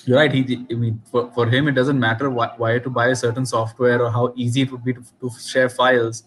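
A man's voice: medium pitch, level tone, fairly quick, a little hiss or hum, rough recording. A man with an Indian accent interviewing casually, repeating words as he builds his point. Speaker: interviewer and investor.

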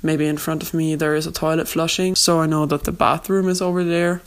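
Young woman podcasting, low-quality recording. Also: level tone, fairly quick. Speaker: podcast host. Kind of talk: informal educational podcast monologue. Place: home, during a move. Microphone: makeshift non-studio microphone.

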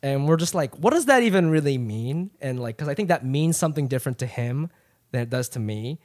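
Guesting on a casual podcast, a comedian spins loose, candid stories peppered with profanity. He was born in Japan, raised in Ohio from age eight, and sounds American. His medium-pitched, darkish voice is expressive and fairly quick.

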